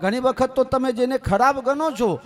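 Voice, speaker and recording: A man's voice: extremely high pitch, normal speed. A man from Gujarat preaching a devotional scripture story, with humorous asides to the audience. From Gujarat, India. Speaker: katha preacher.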